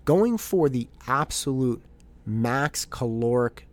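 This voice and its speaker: Casting: man, thirties, podcast host, storytelling, animated, mid-pitched voice. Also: slow. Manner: animated, acts out quoted voices. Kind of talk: reflective personal storytelling.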